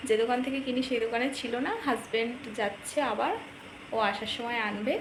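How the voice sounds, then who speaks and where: A woman's voice: on the high side, background noise. A young woman, chatting casually and rambling through her day in a home vlog, full of fillers. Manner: talks softly while others sleep. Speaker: vlogger. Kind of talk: casual daily-life vlog chat.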